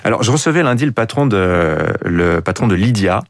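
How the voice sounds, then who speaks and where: Male business interviewer, low voice, dry studio, brisk and emphatic. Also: animated, dry recording. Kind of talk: morning business radio interview.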